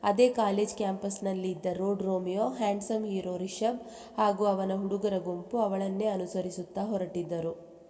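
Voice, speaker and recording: A woman reads a love story aloud as narrator, giving each character's quoted lines in her own voice. Her tone is mellow and dark. A long reverb trails behind her words. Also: medium pitch, moderate pace. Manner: reads aloud at an even pace, dropping into the characters' speech for quotes.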